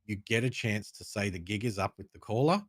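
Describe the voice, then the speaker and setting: Aussie radio guy, lowish voice, laid back, lots of ums, dry sound. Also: a little fast, slightly rough, no echo. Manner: relaxed, explanatory, many ums. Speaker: radio presenter, guest. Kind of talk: casual chat.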